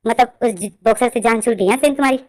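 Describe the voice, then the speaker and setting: A woman's voice: fairly high pitch, fast, a little mellow, dry recording, lightly acted. A woman voicing a friendly young man who earnestly thanks someone for helping his buddy. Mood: grateful.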